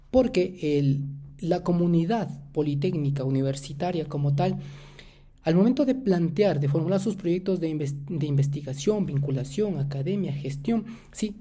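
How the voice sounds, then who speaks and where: A man from Ecuador, giving a prepared academic talk as a doctoral student, measured and asking himself rhetorical questions. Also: fairly high pitch, dark tone.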